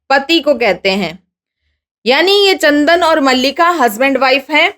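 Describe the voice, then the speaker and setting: A woman teacher reading Sanskrit phrases slowly, then explaining each one and asking her students questions. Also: high-pitched, a bit bright. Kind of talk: Sanskrit lesson explained in Hindi.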